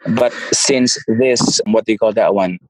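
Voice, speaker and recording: A Filipino man in his 30s, a property investor, answers interview questions casually as a guest, often searching for words and frequently restarting. His voice is fairly low and his pace measured. The recording is rough, with no room sound.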